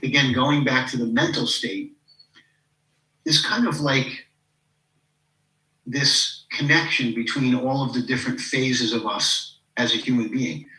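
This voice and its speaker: A man's voice: mid-range voice, moderate pace, pushed and bright, recorded from a distance. Fifties guy, podcast guest, musing and saying "you know" a lot, echoey room. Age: 50s. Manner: reflective, leans on "you know", acts out quoted people. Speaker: podcast guest, life coach. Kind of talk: casual interview talk with personal stories.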